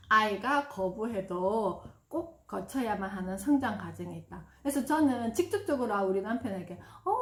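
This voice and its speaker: A woman in her fifties giving a parenting lesson, partly reading from a book and acting out gushing praise for children. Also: medium pitch. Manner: warm, demonstrative, acts out gushing praise in bursts. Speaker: parenting educator. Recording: roomy echo.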